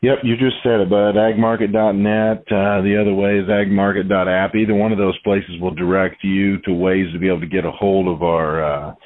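Deep voiced guy on a tinny phone line, chatty market analyst, lots of you know and uh. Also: level tone, brisk, few pauses. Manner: rambling, full of "you know" and "uh". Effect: over the phone. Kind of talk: casual interview talk.

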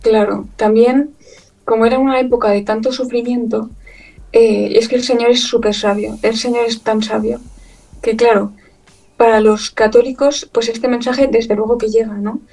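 A woman from Chile, a guest in an interview, telling her story in an emotional, animated way, full of fillers and quick laughs. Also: fairly high pitch, gravelly, recorded from a distance, low-quality recording. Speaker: guest, illustrator. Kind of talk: conversational interview.

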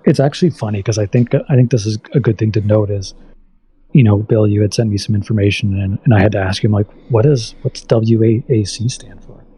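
Man with a husky, mellow voice. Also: fairly low pitch, steady tone, fast. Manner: conversational, self-correcting, often restarts. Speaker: podcast guest. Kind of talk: casual chat.

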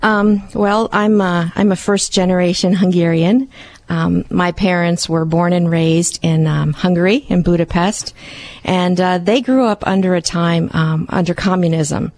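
A woman's voice: fairly low pitch, fairly even intonation, a little slow, a little mellow. A woman who is a guest in a radio studio, speaking carefully and with some fillers. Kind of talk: radio interview and read prayer.

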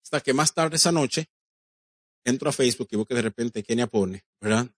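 In a husky, mid-range voice and at a moderate pace, a pastor gives an emphatic sermon to his congregation, addressing them directly. He acts out quotes and sprinkles English phrases through his Spanish. The recording is dry.

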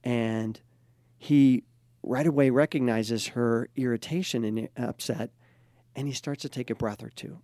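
A man who is a couples therapist and host, chatting casually and telling a client's story with lively acted-out quotes. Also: mid-range voice, unhurried, no echo.

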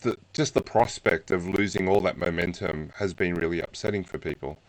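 A man co-hosting a podcast interview and talking about his clients, speaking hesitantly with many pauses. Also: deep voice, low-quality recording.

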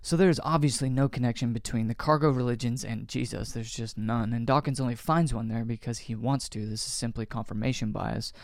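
A man's voice: medium pitch, steady tone, a little fast, creaky, few pauses, no echo, clean studio sound. A man hosting a commentary show, reacting to an interview clip and arguing his points earnestly. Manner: earnest, argumentative. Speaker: host.

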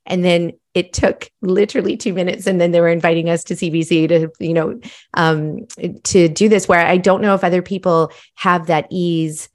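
A middle-aged woman from Malawi, a podcast guest, telling her own story in a casual, animated, self-reflective way. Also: lowish voice, normal speed.

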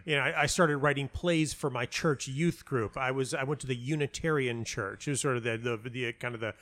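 An American playwright and audio dramatist from North Carolina, speaking as an interview guest in a hotel lobby, tells his story casually and reflectively. His medium-pitched, slightly bright voice moves briskly, often interrupting himself and repeating words.

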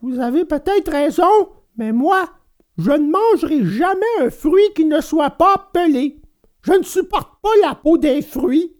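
Woman playing a whiny wooden puppet boy, very high-pitched, bouncy lively voice, pleading, storybook. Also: measured pace. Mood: stubborn. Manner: whiny, pleading, bursts into shouts. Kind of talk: storybook reading.

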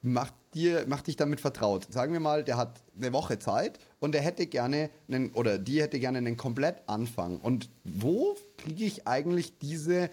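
A man hosting a podcast interview, asking long, rambling questions in a relaxed, casual way. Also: medium pitch, normal speed, hardly any pauses, breathy edge. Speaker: podcast host.

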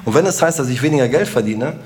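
A middle-aged man with a Rhineland German accent, a comedian chatting as a podcast guest in an animated, joking and emphatic way. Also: mid-range voice, quick pace. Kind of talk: casual podcast conversation.

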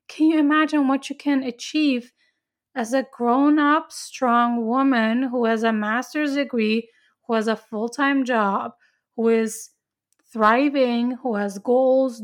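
A woman chatting casually, earnestly explaining her spiritual beliefs at length with frequent restarts. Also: fairly high pitch.

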